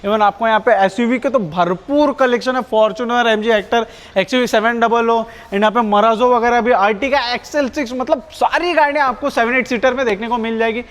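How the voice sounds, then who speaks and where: A man's voice: very high voice, normal speed, a bit bright. An Indian man presenting a promotional car vlog as its host. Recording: echoey reverberant hall.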